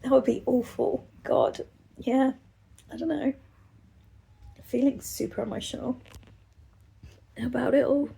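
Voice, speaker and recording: Woman, tearful, breathy and raspy, gravelly edges, halting and soft, phone-recorded home video diary. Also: high-pitched, steady tone. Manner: halting, soft, trailing off into whispers. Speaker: vlogger. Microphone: phone camera.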